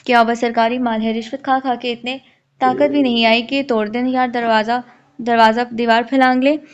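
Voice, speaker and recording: A woman voicing a brash, cheeky young woman who mocks the police with quick taunts. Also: fairly high pitch, flat delivery, muffled recording, close to an everyday voice. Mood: taunting. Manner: mocking, rapid taunts.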